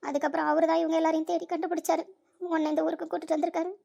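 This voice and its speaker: A woman's voice: very high-pitched, flat delivery, very fast, vocal fry, mellow, lo-fi sound, exaggerated voice. A woman voicing a tender old grandmother in a homemade family drama, earnestly telling a long-kept secret.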